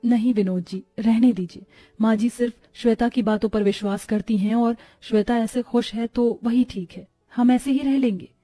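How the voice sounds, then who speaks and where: A woman voicing a kind, patient elder daughter-in-law in a storybook, gentle yet firm. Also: a little high, steady tone, normal speed, no echo, faint music behind, natural voice.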